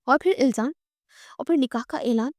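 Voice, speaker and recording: A woman takes on a heartbroken young wife in a romance audiobook, hurt and angry. Her words come out tearful and accusing in a fairly high voice. The sound is dry and close. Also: darkish tone, no room sound, lightly acted.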